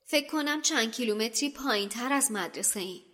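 A woman's voice: on the high side, fairly bright tone. A woman voicing a brave young boy wizard, speaking in a tense, urgent voice in an audiobook reading. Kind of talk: audiobook character voice.

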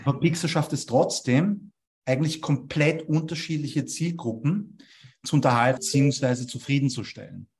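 A man's voice: mid-range voice, normal speed, a little mellow. A young man from Vienna, explaining copywriting ideas as an interview guest and checking in with a questioning "ja?" after his points. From Austria. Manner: tags statements with a questioning "ja?".

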